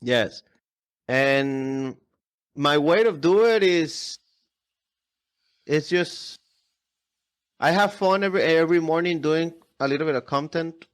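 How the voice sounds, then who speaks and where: Higher-voiced man, non-native English speaker. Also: slow pace, long pauses, smooth. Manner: non-native English with repeated words and restarts. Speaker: podcast guest, airsoft video creator. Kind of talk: casual interview chat.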